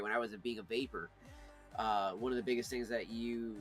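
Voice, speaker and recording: A man with a mid-range, slightly bright voice hosts a casual livestream reviewing pipe tobacco. He chats informally and rambles as if talking to friends.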